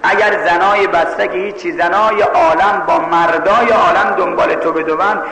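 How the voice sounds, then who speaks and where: A man voicing a chaste young woman who shouts at a man following her. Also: high-pitched, fairly even intonation, echoey room, in a large hall, low-quality recording. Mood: indignant. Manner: indignant, shouting.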